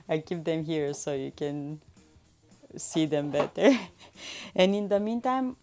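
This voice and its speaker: A woman's voice: low voice, slow pace, pauses often, darkish tone, faint music behind. A woman chatting casually on a live cooking stream, laughing often and making small grammar slips. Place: home kitchen.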